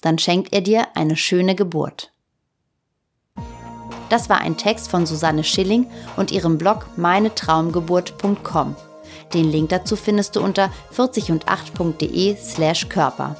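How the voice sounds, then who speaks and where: A woman with a slightly lower voice reads a prepared script for her podcast. Her delivery is calm and measured. It has a soothing, unhurried evenness. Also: soft background music. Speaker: podcast host. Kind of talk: scripted narration.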